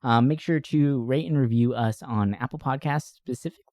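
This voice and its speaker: In this studio-quality clip with no room sound, a male podcast host talks casually about films and games, using slang, plenty of "like" and "you know," and the odd curse. His mid-range voice is a little fast and a little mellow.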